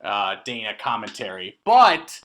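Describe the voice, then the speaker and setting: A man co-hosting a casual sports podcast, animated and prone to hesitant restarts as he leads each segment. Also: fairly low pitch, measured pace. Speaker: podcast co-host.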